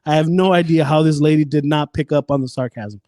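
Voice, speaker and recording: Man, twenties, podcast guest, casual chat, rambling, frequent restarts, mellow tone. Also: on the high side, brisk. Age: 20s. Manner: rambling, restarts often, swears freely.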